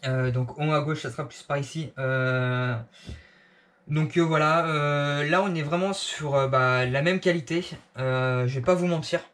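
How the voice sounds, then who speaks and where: A man's voice: on the high side, fairly even intonation, measured pace, fairly bright tone. A man casually reviewing clothes he bought, with many fillers and restarts.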